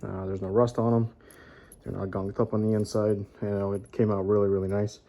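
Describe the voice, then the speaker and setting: A man hosting a casual garage how-to vlog, talking in a relaxed, rambling way with lots of ums and uhs. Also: lowish voice, brisk. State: out of breath at times. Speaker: garage channel host. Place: home garage workshop.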